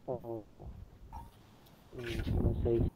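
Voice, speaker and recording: A man's voice: mid-range voice, monotone, drawn-out words. A man moderating an online seminar over a bad phone connection that breaks up, talking hesitantly with many fillers. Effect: bad phone connection, thin and breaking up. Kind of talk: casual hosting over a video call. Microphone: cellphone on a video call. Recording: tinny phone line with faint noise.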